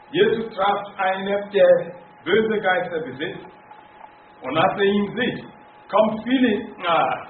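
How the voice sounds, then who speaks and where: A man preaching a sermon in halting German, asking rhetorical questions and reading Bible verses aloud in English. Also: sits high. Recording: roomy, phone-like, distant, faint hiss.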